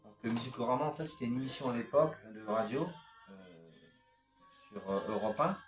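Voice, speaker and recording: A man's voice: medium pitch, expressive, a little fast, echoey room, faint music behind. A man in a casual home video showing his CD collection, talking hesitantly with many fillers as he lists song titles. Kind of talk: casual unscripted collection vlog.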